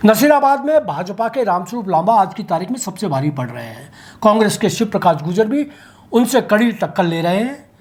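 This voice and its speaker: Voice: medium pitch, darkish tone. A local news commentator reading an opinionated political commentary from a script, with vivid turns of phrase.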